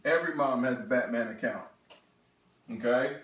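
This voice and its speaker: Animated man presenting in an echoey room. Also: medium pitch, normal speed, a little hiss or hum. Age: 30s. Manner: animated, talks to the audience, frequent "okay?". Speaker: financial presenter. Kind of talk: sales seminar presentation.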